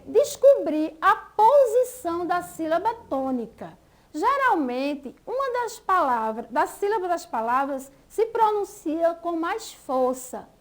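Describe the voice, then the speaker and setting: A Brazilian woman teaching a school lesson, patiently stretching out example words syllable by syllable. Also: extremely high pitch. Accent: Brazilian Portuguese.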